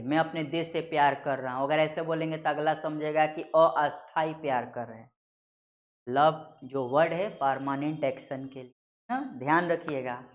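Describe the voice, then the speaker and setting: A man giving a grammar lesson, explaining slowly, repeating key words and reading out example sentences word by word. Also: a little high. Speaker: grammar teacher. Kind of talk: classroom lecture.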